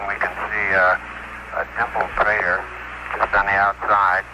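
A man speaking as an astronaut, giving a hesitant descriptive report with frequent pauses over space radio. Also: lowish voice. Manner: hesitant, pausing often. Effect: space radio transmission. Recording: noisy spacecraft radio transmission.

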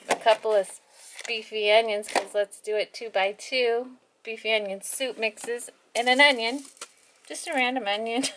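A woman's voice: on the high side, a bit bright, a little hiss or hum. A woman vlogger chatting casually in a folksy, self-deprecating way in a home kitchen, speaking from behind a handheld camera. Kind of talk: casual chat.

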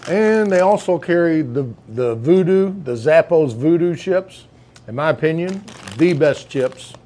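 A man's voice: on the high side, lively intonation, measured pace, dark tone, a little hiss or hum. A man, chatting casually as he reviews food in a deli, folksy and savoring each bite. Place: indoor deli dining room.

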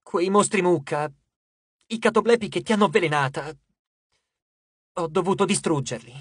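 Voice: medium pitch, normal speed, husky, no room sound, clean studio sound, lightly acted. An audiobook narrator voicing a shy, earnest teenage demigod boy who speaks hesitantly. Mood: solemn.

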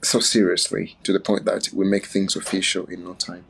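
A man's voice: low-pitched, level tone, moderate pace, vocal fry, a bit bright, slightly rough, poor audio. A man from Uganda hosting a casual, playful livestream chat on his phone, chatting and laughing often. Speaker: livestream host.

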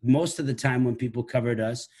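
A man's voice: mid-range voice, a little fast, darkish tone. A man in his late thirties from Iraq, a musician and professor, talking thoughtfully to camera on a video call from his living room, often restarting phrases. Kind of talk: reflective talk to camera. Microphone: laptop webcam video call.

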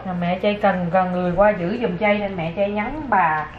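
A woman's voice: mid-range voice, brisk, lo-fi sound, a little hiss or hum. A young woman, a mother talking casually to camera while coaxing her toddler at home. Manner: chatty, coaxing, sing-song talk to a child. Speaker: vlogger, mother.

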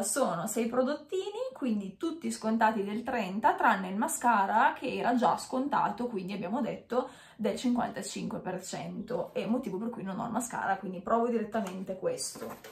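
A woman's voice: medium pitch, animated, normal speed. A woman in her thirties chatting casually to camera while wearing a dental retainer, hesitant and correcting herself as she goes. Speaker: beauty vlogger. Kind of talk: casual chat unboxing to camera. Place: small indoor room with bare walls. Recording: echoey small room.

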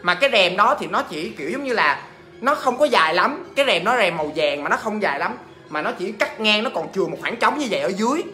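A man telling a ghost story in a chatty, animated way, talking straight to his listeners. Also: sits high, quick pace, soft background music.

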